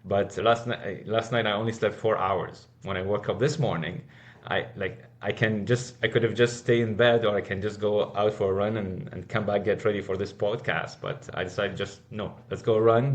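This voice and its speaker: A man's voice: on the low side, steady tone, normal speed, highs cut off. A man from Iraq, a podcast guest answering questions earnestly and often restarting his sentences. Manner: earnest, with frequent restarts and repeated words. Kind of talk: casual interview answers.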